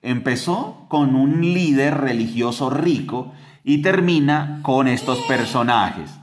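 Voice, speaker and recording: A man, co-hosting a podcast and giving an animated Bible teaching. He keeps asking the listeners rhetorical questions. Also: slow, noisy background. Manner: animated, acts out quoted voices with big pitch jumps.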